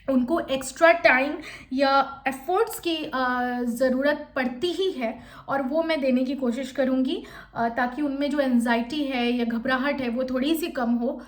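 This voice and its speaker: Young woman teacher, high voice, talks super fast, coaching folks for an interview and acting out the answers. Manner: fast-talking, admits speaking quickly; explanatory, switches between coaching and sample answers. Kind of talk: exam-prep lesson with modelled interview answers.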